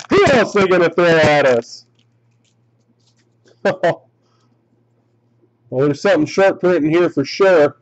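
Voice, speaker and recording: A man hosting a live stream card break, excitable and quick to laugh and shout out the pulls. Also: fairly high pitch, highs cut off.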